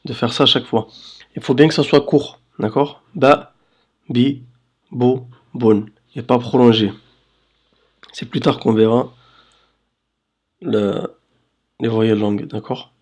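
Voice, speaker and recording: A man teaching Arabic letters in a slow voice-over lesson, patiently checking understanding and drawing out syllables. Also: mid-range voice, steady tone. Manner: drawls syllables slowly for demonstration. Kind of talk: slow screen-recorded lesson.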